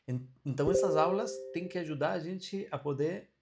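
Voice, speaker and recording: A man with a slightly high voice and moderate pace runs a relaxed video-call class on Ayurveda and Vedic studies, often checking in with listeners, though the recording is very noisy.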